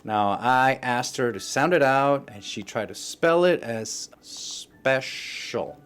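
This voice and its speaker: A man and parent hosting a casual tutorial vlog, chatty and joking with quick asides. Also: mid-range voice, fairly bright tone, clear, resonant tone. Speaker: parent and video host.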